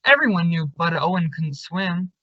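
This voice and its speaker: A young man with a fairly high, expressive voice speaks at normal speed with no echo. He's an actor in an old-time radio suspense drama, playing someone suspicious and confrontational who insists and accuses. The audio is dull and lo-fi.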